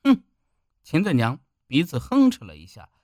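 A man's voice: fairly high pitch, huge pitch swings, normal speed, a little mellow, dry recording, clean studio sound. A man narrating a village story in an emphatic storytelling manner. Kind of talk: audiobook narration.

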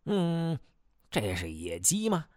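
A man's voice: fairly low pitch, very animated, heavily acted. A man voicing a vain, pompous male police chief who speaks in a smug, officious way. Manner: smug, officious, drawn-out speech.

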